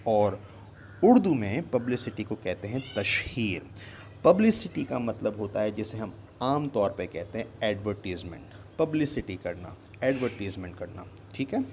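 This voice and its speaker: A man teaching English vocabulary in a slow, deliberate way, repeating each pronunciation. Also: on the low side, sing-song, a little mellow, a little hiss or hum. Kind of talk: bilingual language lesson.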